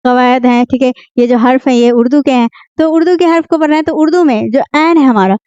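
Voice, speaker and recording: Casting: woman teacher, high clear voice, patient and repetitive, dull dry recording. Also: mellow, dry recording. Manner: repeats words slowly, asks and answers own questions. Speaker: Urdu teacher. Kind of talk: beginner language lesson.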